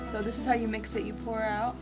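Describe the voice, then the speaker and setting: A woman's voice: a little high, flat delivery, fast. A young woman from Bulgaria vlogging her travels, enthusiastic and easily impressed. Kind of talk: casual travel vlog chat. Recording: music bed under the voice.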